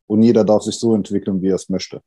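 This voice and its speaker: A man in his thirties, a podcast guest, talking candidly and thoughtfully with many pauses and fillers. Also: on the low side, flat delivery, dark tone. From Germany, Italian family. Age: 30s. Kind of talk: candid conversation.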